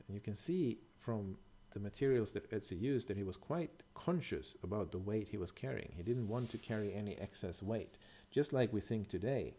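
A middle-aged man with a fairly low voice talks through a topic in a relaxed, explanatory way. His tone is mellow and unhurried, and he pauses to rethink or correct himself as he goes. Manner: thoughtful, hesitant, with fillers and self-corrections. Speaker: bushcraft presenter. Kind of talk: casual explanatory voice-over over slides.

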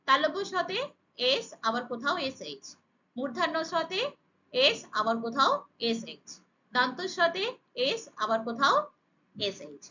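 A woman teaches pronunciation in a high, bright voice. She spells out sounds one at a time, slow and emphatic. The recording is slightly muffled and lo-fi. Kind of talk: slow, deliberate pronunciation lesson.

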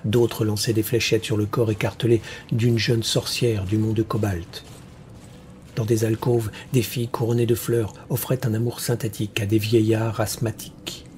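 A man narrating a fantasy story for an audiobook in a measured, deliberate way. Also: lowish voice, flat delivery, a little mellow, a little hiss or hum.

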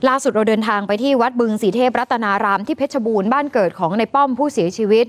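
A woman news anchor addressing viewers and recounting a crime story in a brisk, emphatic way. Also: a little high. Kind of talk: news commentary.

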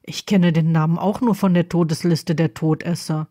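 A woman's voice: low-pitched, steady tone, moderate pace, warm tone, no room sound, clean studio sound. A woman voicing an earnest young male wizard who speaks carefully and honestly.

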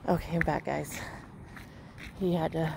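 A middle-aged American vlogger from Washington State walks along a rural residential road, chatting casually and folksily to viewers with her phone held at arm's length. Her voice is low, creaky, and a little slow, with fairly even intonation. The outdoor phone recording is noisy and has clicks.

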